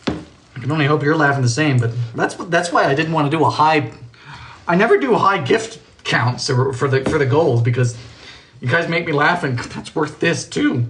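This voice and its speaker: Man, stream host in his kitchen: bouncy, expressive pitch, playful and jokey, laughs easily. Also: moderate pace. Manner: playful, joking, laughs often. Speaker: live-stream baking host. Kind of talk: casual live-stream chat, reading viewer comments. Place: home kitchen.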